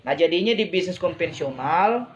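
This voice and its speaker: With a fairly high pitch and an animated delivery at a moderate pace, a man gives a persuasive business talk to people watching live online. He often asks whether they agree and leans on repeated phrases for emphasis.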